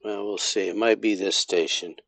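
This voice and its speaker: Gravelly low-voiced man streaming a game. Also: normal speed. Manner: relaxed, thinking aloud with restarts. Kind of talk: casual gameplay commentary.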